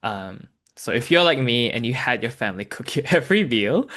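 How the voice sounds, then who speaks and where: A man's voice: medium pitch, expressive, brisk, fairly bright tone. A man from Malaysia, a therapist, telling his story in a candid interview with an easygoing manner. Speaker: therapist sharing his experience.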